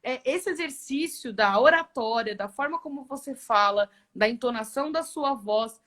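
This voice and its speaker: Woman executive, interview guest; lively storyteller, slightly high voice. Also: moderate pace. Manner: lively storytelling with frequent tag questions. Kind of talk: casual live interview chat.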